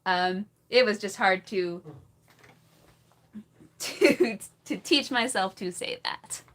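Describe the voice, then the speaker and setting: A woman's voice: mid-range voice, slow, fairly bright tone. A woman hosting a casual livestream who laughs often, chats with viewers and tries tongue twisters. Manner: giggly, chatty, reads chat and tries tongue twisters. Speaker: livestream host. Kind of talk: casual livestream chat with singing.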